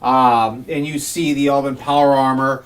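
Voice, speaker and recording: A man's voice: mid-range voice, fairly even intonation, normal speed, far from the mic. A man running a tabletop game as game master, narrating in a rambling way full of fillers, recorded in a garage. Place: home garage.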